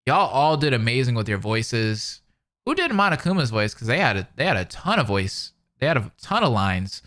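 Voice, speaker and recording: A man streams a fan-dubbed visual novel, voicing the narration and reacting in a laid-back, slangy, excited manner. His medium-pitched voice swings widely in pitch at normal speed and is a bit bright, with music running behind it.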